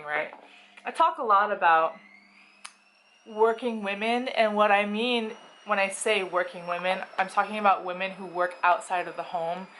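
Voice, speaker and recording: A woman's voice: medium pitch, fairly bright tone, a little hiss or hum, poor audio. Chatty woman vlogging while doing makeup. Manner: chatty, opinionated, stream of consciousness. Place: home.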